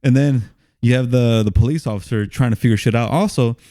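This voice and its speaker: A man's voice: medium pitch, a little fast, warm tone, no room sound, clean studio sound. A man co-hosting a casual movie podcast, laughing often, swearing and animatedly retelling scenes. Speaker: podcast co-host.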